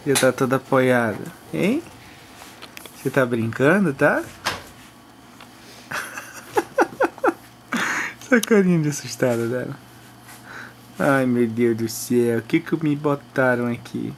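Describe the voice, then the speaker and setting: Guy baby-talking his little girl on his phone, slow and playful, faint room hum. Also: mid-range voice, animated. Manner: playful, coaxing baby talk with frequent chuckles. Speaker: father filming his baby. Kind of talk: casual home video baby talk. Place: home bedroom. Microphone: phone camera held while filming.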